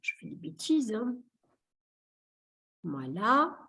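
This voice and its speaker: A woman's voice: a little high, big pitch swings, takes it slowly, vocal fry, bright, forceful tone. A woman therapist hosting a live video session in a chatty, joking way, with many fillers. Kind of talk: casual live chat. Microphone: computer mic on a video call.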